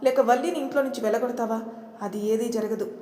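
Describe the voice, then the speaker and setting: A woman's voice: a little high, steady tone, quick pace, mellow, lightly acted. A woman voicing a jealous, angry young husband who talks harshly and threatens. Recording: echoey room.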